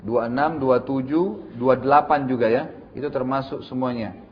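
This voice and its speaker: A man's voice: mid-range voice, normal speed, highs cut off, a little hiss or hum. A middle-aged man gives a religious lecture in a conversational style, often adding tag questions and speaking straight to his listeners. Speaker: Islamic preacher.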